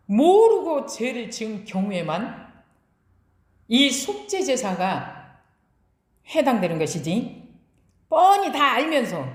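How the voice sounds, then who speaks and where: A woman pastor preaching a sermon, putting rhetorical questions to her congregation and answering them herself. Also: fairly high pitch. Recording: echoey room.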